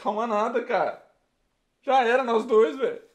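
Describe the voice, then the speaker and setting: A Brazilian man playing a heartbroken young man who rants loudly about his happy ex. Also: very high voice, normal speed, voice pushed up. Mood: bitter. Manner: loud, frantic, shouting in jealous outrage.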